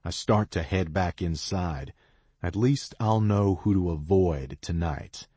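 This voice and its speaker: A man narrating a romance audiobook in the first person, with slow, expressive reading. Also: low voice, breathy edge, no echo.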